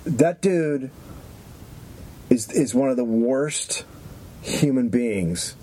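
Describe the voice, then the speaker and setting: A man co-hosting a comedy podcast, ranting profanely with dark deadpan jokes. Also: mid-range voice, very slow, slight background noise. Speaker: podcast co-host. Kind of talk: casual comedy podcast banter.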